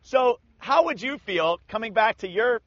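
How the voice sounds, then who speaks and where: Male Bible teacher, casual and animated, high voice, muffled lo-fi recording. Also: unhurried, no echo. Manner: animated, acts out scripture in slangy voices. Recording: dull lo-fi sound.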